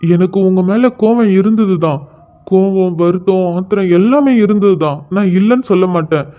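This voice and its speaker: A man voicing a calm, earnest young male hero who talks steadily about his love, in a cartoon story. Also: high voice, normal speed, natural voice. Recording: tinny phone-like sound.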